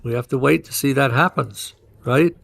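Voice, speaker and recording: Explaining chart moves in casual chat, this trading-podcast host keeps asking "right?" and brings market scenarios to life as a lively storyteller. He speaks at a normal speed in a mid-range, gravelly voice.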